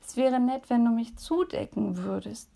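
Brief: woman reading a frightened little mouse, tearful and pleading, gravelly low-lit storybook voice. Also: expressive, moderate pace, dark tone. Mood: small pleading. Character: small frightened female mouse.

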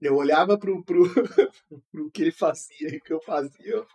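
Higher-voiced Brazilian Portuguese man chatting casually. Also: normal speed, mellow. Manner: informal, slangy, conversational. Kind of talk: casual podcast chat.

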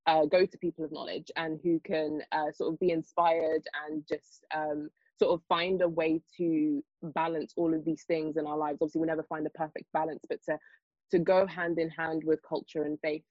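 A young woman on a discussion panel talks fast in long runs full of ums and sort-ofs. Her pitch barely moves. The sound is dry and slightly muffled, with no room around it. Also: little pitch movement, darkish tone, dry recording. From Nigerian heritage, raised in the UK. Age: young adult. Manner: fast, hesitant, lots of fillers and restarts. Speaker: panel guest, children's author.

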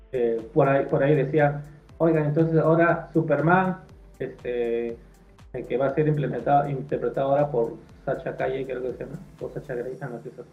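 A man's voice: mid-range voice, creaky. A man chatting casually on a podcast, rambling and opinionated, often trailing off. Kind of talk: casual chat. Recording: echoey, phone-like sound.

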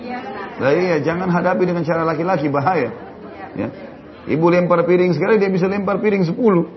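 A man's voice: high-pitched, a little fast. A man preaching and answering religious questions in a jokey lecture full of rhetorical questions. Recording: dull recording, faint crowd and noise.

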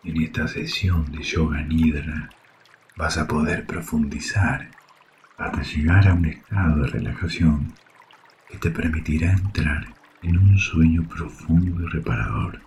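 A man with a Rioplatense Spanish accent leads a guided sleep meditation in a soft, soothing, hushed delivery with long pauses. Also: a bass voice, steady tone, slight background noise. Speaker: yoga nidra guide. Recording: faint water ambience behind voice. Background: trickling water sounds.

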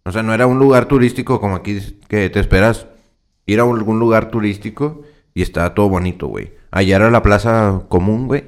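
A young man tells stories in a laid-back, slang-heavy way. His voice is low. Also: fairly quick. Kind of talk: casual chat among friends.

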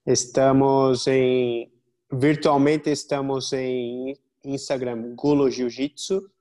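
A man's voice: medium pitch, level tone, takes it slowly, warm tone. A man speaking casually as an interview guest, with a Portuguese-influenced accent and a portuñol mix of Spanish and Portuguese. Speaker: podcast guest, jiu-jitsu gym representative.

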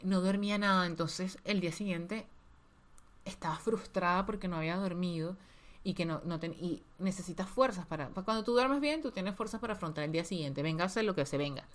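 A woman, mother of a toddler and a podcast co-host, gives an emotional, candid account of motherhood during a casual chat. She talks briskly in a lowish voice, doubling up words for emphasis.

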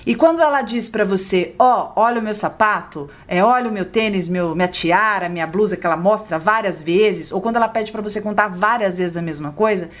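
A woman psychologist co-hosting a podcast, explaining gently and calmly, rising high and sweet when she voices a parent talking to a child. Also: fairly quick, few pauses. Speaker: psychologist co-host.

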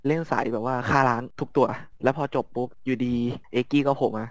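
A man's voice: mid-range voice, fairly even intonation, fairly quick, dry recording. A man chatting casually as a guest fan, blunt and jokey, with casual swearing. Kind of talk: casual chat.

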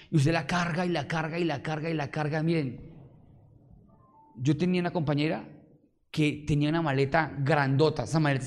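A man preaching a sermon, talking straight to the congregation with rhetorical questions and swinging between loud exclamations and low murmurs.

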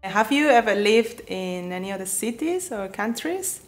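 A woman's voice: medium pitch, animated, moderate pace, soft background music. A woman interviewing a guest in casual conversation, friendly and asking short follow-up questions.

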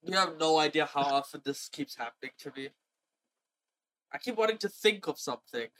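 A young man from India co-hosting a podcast in casual comedic banter, animated, crude and full of swearing. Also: on the high side, fairly quick, no echo. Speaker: podcast co-host.

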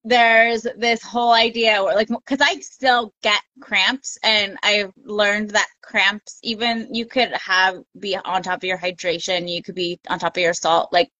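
A woman guest on a podcast, chatting casually and telling animated stories, acting out quotes from others. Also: mid-range voice, unhurried, hardly any pauses, no room sound, dull audio. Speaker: podcast guest, ultra runner. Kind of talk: casual interview chat.

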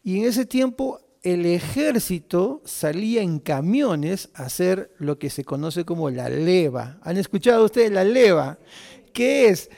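A man, telling a personal story to an audience in an animated way and putting questions to his listeners. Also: high-pitched, a little slow, creaky. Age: 50s. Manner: lively, asks the audience questions, swings from quiet asides to loud peaks.

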